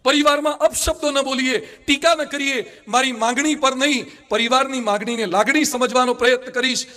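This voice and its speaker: A man's voice: extremely high pitch, fairly even intonation, fairly quick, bright, forceful tone. A man with a Gujarati accent, a monk giving a sermon, telling anecdotes and acting out the people in them. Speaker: Swaminarayan monk preacher.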